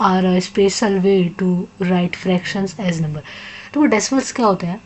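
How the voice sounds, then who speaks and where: A young woman with an Indian accent teaching a maths lesson, reading English lines slowly, then explaining quickly in Hindi and answering her own questions. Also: mid-range voice, a little mellow.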